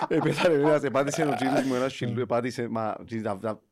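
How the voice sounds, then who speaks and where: A man in his thirties with a Cypriot Greek accent, bantering excitably in a casual comedic podcast chat. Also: mid-range voice, crowd noise. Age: 30s.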